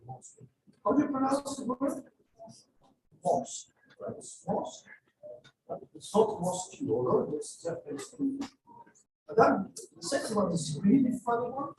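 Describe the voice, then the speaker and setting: A man from Uzbekistan lectures on spoken English, his high voice rising and falling in a lively way. He explains by acting out the intonation he wants. He sits far from the mic in a strongly echoing classroom with faint noise behind him. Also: normal speed. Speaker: English teacher. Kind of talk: lecture on exam speaking skills. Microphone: distant room mic. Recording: very echoey room, voice from far off.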